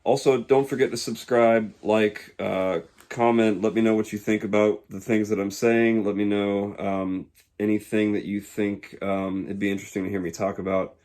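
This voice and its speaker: A man in his twenties from Georgia, speaking in a casual, reflective monologue that pauses often to find the words. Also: on the low side, steady tone, darkish tone. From Georgia, USA. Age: 20s. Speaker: YouTuber.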